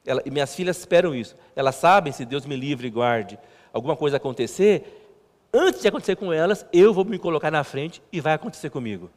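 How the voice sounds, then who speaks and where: A male pastor preaching a sermon in a halting, conversational way, repeating words and poking fun at himself. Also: on the high side, expressive. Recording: long church hall reverb.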